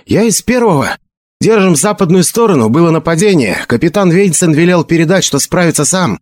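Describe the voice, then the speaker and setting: Skinny young messenger, eager, high-pitched report in a storybook, voiced by a man. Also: expressive, fairly quick, no room sound, studio quality, natural voice.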